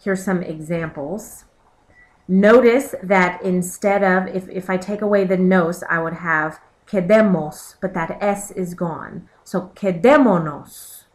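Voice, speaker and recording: A woman's voice: fairly low pitch, slow pace. A woman teacher narrating a recorded slideshow lesson, explaining step by step and pointing to examples on the slides. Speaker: Spanish teacher.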